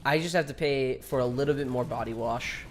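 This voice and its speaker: A man's voice: mid-range voice, fairly quick, a little hiss or hum. A man in his twenties streaming a game, chatting casually and joking with viewers, swearing often. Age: 20s. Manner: laid-back, joking with chat, swears often. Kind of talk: casual live-stream chat.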